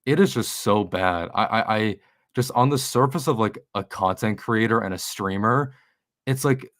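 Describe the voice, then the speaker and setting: A man's voice: lowish voice, moderate pace, fairly bright tone, dry recording, studio quality. A man in casual podcast talk, rambling and swearing, often restarting his sentences. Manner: rambling, profane, with many restarts. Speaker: guest streamer.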